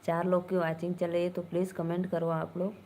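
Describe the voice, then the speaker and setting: Young woman w awadhi-ish hindi accent chatting on a phone live stream, mellow voice, faint room noise. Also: on the low side, monotone, brisk. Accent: Awadhi-tinged Hindi. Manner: chatty, reads out and answers viewer comments. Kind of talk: casual live stream chat with viewers.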